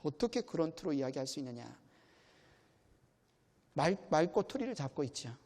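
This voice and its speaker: High-voiced preaching pastor in reverberant hall. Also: male voice, big pitch swings, moderate pace, darkish tone. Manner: emphatic, rhetorical questions to the congregation. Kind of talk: sermon. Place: church sanctuary.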